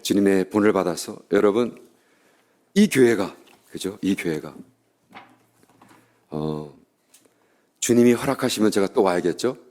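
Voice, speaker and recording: A man's voice: on the low side, expressive, unhurried, pauses often, darkish tone. A middle-aged male pastor preaching a revival sermon, telling stories animatedly and acting out the voices of the people in them.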